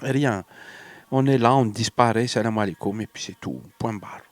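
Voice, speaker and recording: In a dry recording, a man with a lowish voice speaks at a normal speed. He is an Algerian vlogger with an Algerian French accent who, sick with a cold and fever, rambles hesitantly in a personal monologue, mixing French and Arabic.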